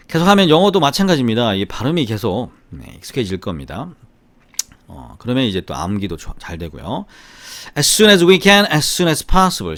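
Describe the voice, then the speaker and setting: Lively Korean man teaching grammar. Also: fairly low pitch, no echo. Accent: slight Gyeongsang Korean, mostly Seoul-like. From Gyeongsang, South Korea. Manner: lively, chatty, often asks "right?". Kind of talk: grammar lesson with repeat-after-me drills.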